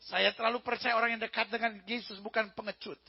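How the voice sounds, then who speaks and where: A man preaching a humorous sermon as pastor, telling lively stories and mimicking regional voices of the people in them. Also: sits high, quick pace, creaky, slightly rough. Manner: animated storytelling, mimics regional accents and characters. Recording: dull lo-fi sermon recording.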